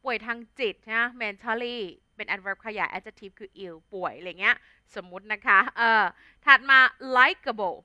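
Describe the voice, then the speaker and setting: A woman's voice: mid-range voice, slow, bright, forceful tone, no echo, highs cut off. A young adult woman with a Thai accent teaching an English vocabulary lesson in a chatty, casual way, full of fillers and tag words. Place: studio.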